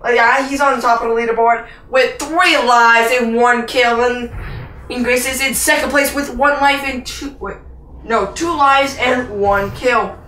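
Bright-voiced woman joking through VR game commentary. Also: on the high side, steady tone, measured pace, reverberant, far from the mic, slight background noise. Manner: jokey, rambling, plays announcer to herself. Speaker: gaming channel host. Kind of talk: playful gameplay commentary. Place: indoors, playing a VR game.

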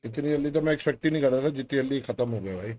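A man's voice: medium pitch, rapid-fire, warm tone. A man from India streaming a police role-play game, giving orders in casual banter with crude swearing.

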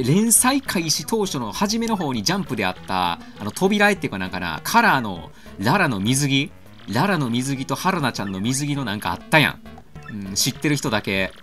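A man with a Kansai accent commentates on a game, joking crudely and getting excited. His voice is bright and swings widely in pitch. Game music plays faintly underneath. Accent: Kansai Japanese. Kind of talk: let's-play commentary.

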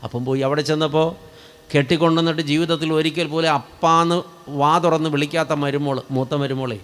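A man's voice: a little high, fairly even intonation, fast talker, a bit bright, clear, resonant tone. A man preaching a sermon as a story, turning to the congregation with rhetorical asides.

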